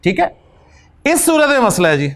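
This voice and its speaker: Male Arabic teacher with a very high voice who lectures patiently and drills students with questions. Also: sing-song, a bit bright. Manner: slow, repeats examples, drills students with questions. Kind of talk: classroom lecture.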